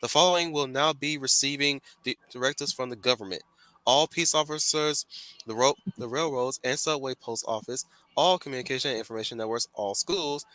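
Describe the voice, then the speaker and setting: A cold, official emergency announcer with a flat, metallic robot voice, as a man puts it on in a casual chat. The tone is bright and edged, and it delivers stiff public orders line by line. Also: mid-range voice, fairly quick, no echo, lightly acted, poor audio. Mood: stern. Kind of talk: casual group chat while reading a comic.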